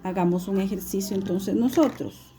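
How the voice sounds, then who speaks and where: A woman's voice: mid-range voice, moderate pace, mellow. A woman teaching a recorded video lesson, explaining patiently and asking her students questions.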